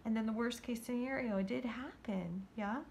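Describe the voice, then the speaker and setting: A woman giving a gentle, intuitive tarot card reading to viewers, talking in a halting way with many fillers and restarts, sometimes dropping to a whisper. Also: on the high side, creaky, a little hiss or hum.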